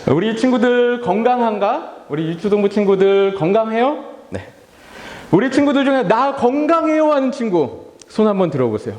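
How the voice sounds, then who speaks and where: A playful male pastor gives a children's sermon in an echoey church hall. His voice is high and very lively. He keeps asking the children questions and acts out little scenes. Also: normal speed. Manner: playful, asks children questions and leads call-and-response; acts out family members and his own tired sighs. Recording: echoey hall with long reverb.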